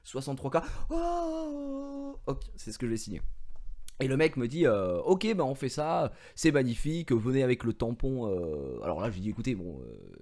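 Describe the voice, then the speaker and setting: Animated young streamer telling a story. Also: male voice, medium pitch, normal speed. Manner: animated storytelling, acting out quoted people. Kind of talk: casual live-stream chat.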